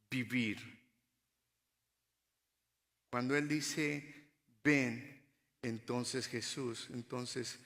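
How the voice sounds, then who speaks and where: A male pastor preaching a sermon in a dramatic style, moving from loud exclamations to hushed, low passages, recorded in a church sanctuary. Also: vocal fry. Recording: long hall reverb from the church.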